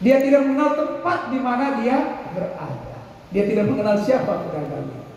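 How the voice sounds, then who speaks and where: A man's voice: very high voice, moderate pace, a little mellow, highs cut off. A male pastor preaching to young people. He tells a story and leads the crowd in call-and-response. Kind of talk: sermon to youth. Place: large school hall, indoors. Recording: echoey hall, distant mic, faint room noise.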